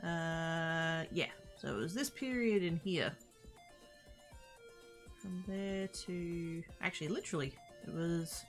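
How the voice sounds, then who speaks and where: A woman livestreamer chats casually and playfully with her viewers, rambling and getting sidetracked easily. She tosses out informal greetings to chat. Her voice is lowish and gravelly.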